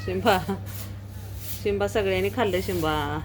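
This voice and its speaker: A woman filming a casual home vlog, chatting to viewers and coaxing her pet cats in a fond, lively way. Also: medium pitch, normal speed, slight background noise.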